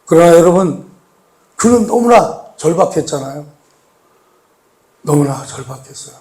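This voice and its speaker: A man preaching a sermon as pastor. He asks the congregation questions, repeats key words, and moves between raised, emphatic lines and soft, hushed pleading. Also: on the high side, lively intonation, unhurried. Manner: addresses the congregation with rhetorical questions and repetition.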